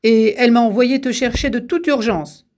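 A woman's voice: fairly high pitch, moderate pace, darkish tone, lightly acted. A woman reading the part of a mysterious grey-clad male messenger who speaks tersely and insistently.

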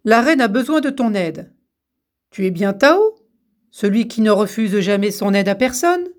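A woman's voice: mid-range voice, animated, a little slow, close to an everyday voice. A woman reading as a curt grey-clad messenger. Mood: insistent.

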